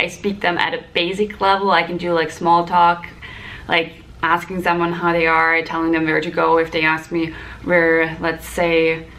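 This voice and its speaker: A German-speaking woman in her twenties, a flight attendant who vlogs, chats casually and explains things to the camera in a Q&A video from a small hotel room. Her voice is fairly low but bright in tone, and the low-quality recording clearly picks up background room noise.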